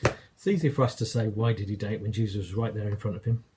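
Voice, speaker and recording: A man's voice: lowish voice, quick pace, noisy background. A man with an English accent preaching a sermon, telling a story in a conversational way and acting out quoted lines.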